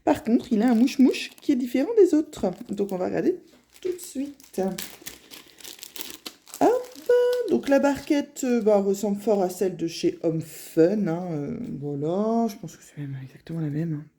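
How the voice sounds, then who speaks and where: A woman's voice: medium pitch, expressive, normal speed, dark tone. A middle-aged woman with a northern French ch'ti accent chatting casually through a crafting unboxing, rambling with lots of fillers. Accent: Picard (ch'ti, northern French). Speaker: crafting vlogger.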